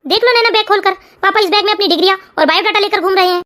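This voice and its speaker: A woman's voice: extremely high pitch, rapid-fire, sharp tone. A woman voicing a caring young son. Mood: earnest. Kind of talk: cartoon family story voice acting.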